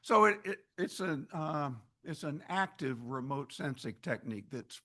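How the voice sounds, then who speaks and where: A man with a fairly high, sharp, expressive voice speaks at a measured pace during an informal slide talk on forest ecology. Addressing an annual meeting in a hall, he often restarts phrases and adds wry remarks.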